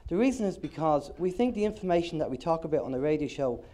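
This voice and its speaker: Speaking fast to a live conference audience, this Irishman, who co-hosts an internet radio show, keeps things chatty and full of jokes despite a cold that makes him slightly nasal. His mellow voice is on the high side and expressive.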